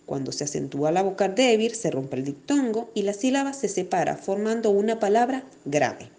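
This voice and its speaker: A woman teacher giving a recorded distance-learning lesson to children, speaking slowly and clearly and stressing syllables as she explains. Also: medium pitch, very animated, mellow. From Venezuela. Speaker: primary school teacher.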